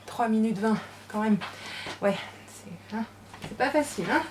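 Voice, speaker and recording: A woman's voice: on the high side, animated, unhurried. A woman vlogging casually from her craft room at home, chatting to the viewers and coaxing her dogs to sit. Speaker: scrapbooking vlogger. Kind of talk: casual chat to camera. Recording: distant camera mic, noisy room. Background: dogs moving about.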